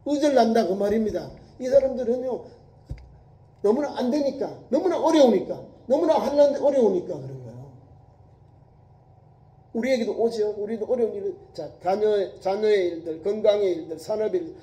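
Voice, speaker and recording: A man's voice: high-pitched, expressive, a little fast, warm tone. A male Korean pastor preaching a sermon in a colloquial, emphatic way, with repeated words and small acted quotes. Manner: colloquial preaching, voicing biblical speakers in quotes, emphatic repetition. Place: church sanctuary. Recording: echoey church hall.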